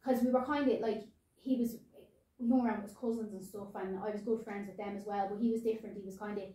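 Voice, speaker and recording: Irish female podcast co-host, chatty storyteller, mellow tone, recorded off-mic in a very echoey room. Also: mid-range voice, quick pace, far from the mic. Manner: chatty, animated storytelling with quoted asides. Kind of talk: casual unscripted chat.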